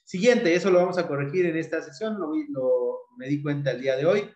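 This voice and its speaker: A man's voice: a little high, fairly quick, a little mellow, reverberant, highs cut off. A man with a Mexican accent teaching an online exam-prep lesson, explaining step by step and repeating key points. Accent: Mexican Spanish.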